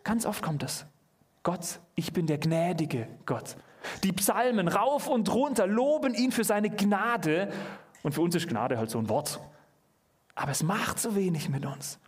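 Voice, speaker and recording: A man's voice: sits high, lively intonation, unhurried, breathy edge. A man preaching a sermon, earnest and questioning the listeners directly, pushing his voice up when he stresses a point. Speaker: preacher at a youth church service. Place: church hall.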